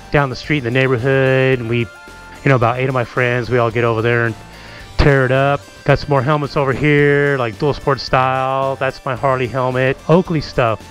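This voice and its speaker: Speaking at a medium pitch into the mic on his helmet-mounted camera, a middle-aged motovlogger casually shows off his home garage. The tour is relaxed and loose, sprinkled with ums and side comments.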